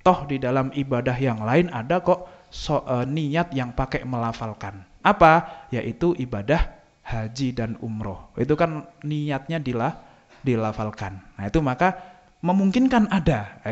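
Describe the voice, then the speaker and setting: A man gives a religious lecture, his voice sitting a little high for a man. He asks questions and then answers them himself in a lively, conversational way. The recording sounds dull and lo-fi. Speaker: Islamic religious teacher.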